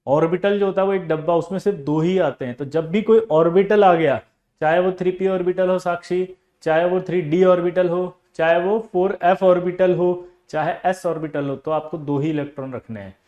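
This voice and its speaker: High-voiced, teasing chemistry teacher. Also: male voice, fairly even intonation, moderate pace, warm tone, lo-fi sound. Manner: teasing, scolding, explains with examples. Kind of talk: classroom lecture.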